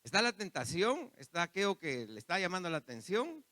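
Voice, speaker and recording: A man's voice: high-pitched, wildly swooping pitch, fairly quick, pushed and bright, dry recording. A man preaching a sermon, repeating phrases and turning to the congregation with asides. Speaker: pastor.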